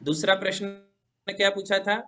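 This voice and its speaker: A man's voice: high-pitched, steady tone, normal speed, pushed and bright. A man, a Jain monk, answering devotees' questions in a patient, reassuring, explanatory way. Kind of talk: religious question-and-answer teaching.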